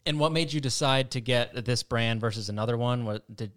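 A man's voice: medium pitch, fairly quick, a bit bright. A man hosting a podcast, asking a farmer straightforward questions with the occasional light joke. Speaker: podcast host. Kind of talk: interviewing.

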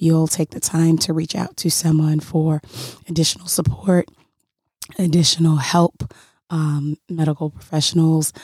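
A woman hosting a podcast with a hoarse, froggy voice, speaking earnestly and haltingly as she encourages her listeners. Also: deep voice, dark tone, no room sound, studio quality. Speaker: podcast host. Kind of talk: podcast sign-off addressed to listeners.

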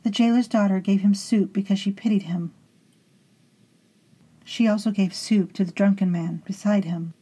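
A woman hosting and narrating a scripted horror story in a hushed, intimate way, sometimes sinking into whispers and calling her listeners beloveds. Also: medium pitch, slightly rough, poor audio. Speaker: storytelling host.

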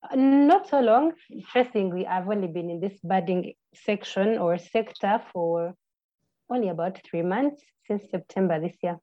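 A woman's voice: mid-range voice, dark tone. Ugandan woman with slightly muffled audio. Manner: friendly, halting, with restarts and fillers. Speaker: podcast guest, birding tour guide. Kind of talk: casual interview answers.

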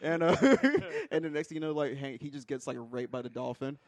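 A man's voice: mid-range voice, steady tone, fast, a little mellow, dry recording, studio quality. A young man co-hosting a podcast, telling stories in a jokey, filler-heavy way. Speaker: podcast co-host. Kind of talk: casual chat.

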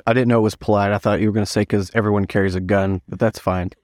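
A man's voice: fairly low pitch, level tone, very fast, a little mellow, no echo, studio quality. A man hosting a podcast in casual conversation, joking and acting out imagined exchanges.

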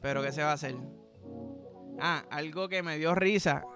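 A man's voice: fairly high pitch, normal speed, over music. A man with a Puerto Rican accent hosting a podcast, telling crude comic stories in a rambling, vulgar way and acting out the people in them. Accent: Puerto Rican Spanish. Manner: vulgar, rambling, acts out voices in his stories. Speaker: podcast host. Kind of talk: crude comedic storytelling monologue.

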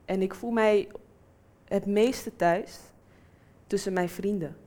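Taking it slowly in a mid-range voice, a lively woman in her twenties recounts a personal story and performs the voices of the people she quotes.

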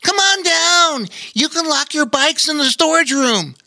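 A man voicing a cheerful adult sailor in a high, strained, hearty voice. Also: animated, unhurried, vocal fry, sharp tone, dry recording, heavily acted.

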